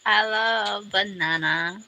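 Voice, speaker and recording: A woman with a Filipino accent chatting casually on a livestream, reading viewers' names and comments aloud in halting English and laughing often. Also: medium pitch, bright, forceful tone, lo-fi sound. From Philippines. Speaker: live streamer.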